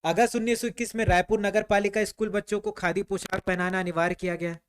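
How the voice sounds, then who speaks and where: A man teaches a history class. His voice sits high and sounds clean and smooth. He fires off questions and answers them himself, with a casual, chatty flow. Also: fairly even intonation, fast. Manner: quizzing students, answering his own questions; conversational, repeats "ठीक है" often.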